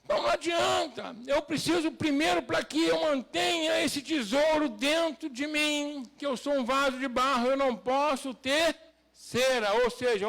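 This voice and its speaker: Male preacher, very high and raspy-edged, emphatic sermon delivery. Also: fairly bright tone. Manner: preaching with rhetorical questions to the congregation; rising to emphatic, raised delivery. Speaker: pastor.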